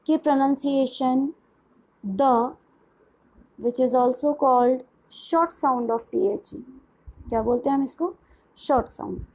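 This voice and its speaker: A woman's voice: high voice, darkish tone, low-quality recording. A woman teaching an English pronunciation lesson, mixing Hindi and English. She asks her students questions, answers them herself, and drawls out English phrases word by word. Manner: slows right down for English phrases. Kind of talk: bilingual classroom lesson.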